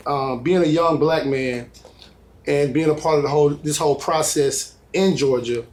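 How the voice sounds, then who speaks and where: A man's voice: on the high side, normal speed, darkish tone. A man hosting a panel discussion, asking questions in a loose way and often saying "like" and "just". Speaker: panel host.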